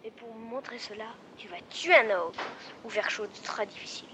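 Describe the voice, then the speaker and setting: A woman's voice: fairly high pitch, brisk, sharp tone, slight background noise. A woman voicing a pretty young female squirrel who makes fussy demands in a raised voice. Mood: demanding.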